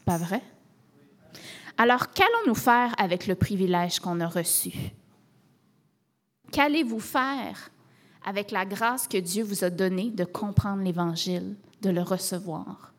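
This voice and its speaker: Canadian woman preaching a lively sermon. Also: medium pitch, a little slow, long pauses. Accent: Québécois French. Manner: conversational preaching with rhetorical questions and frequent tags like "hein" and "là". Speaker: pastor.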